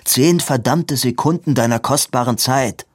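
A man's voice: medium pitch, unhurried, husky, no echo, pitched above the performer's own voice. A resentful young man as a man reads him aloud, tense and hissing, pushing his plea in a storybook reading. The voice is raised above the narration and the sound is dry and close. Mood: urgent, bitter. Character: urgent, bitter young man asking for help.

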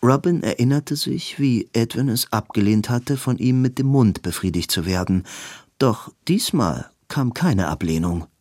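A man reading a novel aloud as an audiobook narrator, in a slow, even reading. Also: mid-range voice, no room sound, clean studio sound. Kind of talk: scripted narration.

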